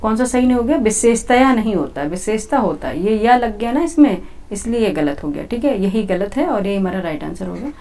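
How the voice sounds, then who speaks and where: A woman's voice: mid-range voice, animated, fairly quick, dark tone. A woman teacher working through exam questions step by step, repeating herself and saying "okay" often as she talks to her students. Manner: repetitive, says "theek hai" often; explains step by step, talking to students. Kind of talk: exam-prep lesson.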